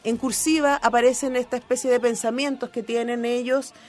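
A speaker in casual literary discussion, explaining a book's experimental passages at a measured pace. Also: medium pitch, flat delivery. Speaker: book club discussant.

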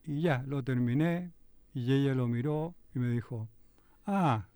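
A man's voice: mid-range voice, normal speed, clean tone, dry recording. Older chilean guy, poet telling stories in an interview, laid-back and modest, dry close sound. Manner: relaxed, self-deprecating storyteller. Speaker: poet guest. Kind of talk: anecdotal interview storytelling.

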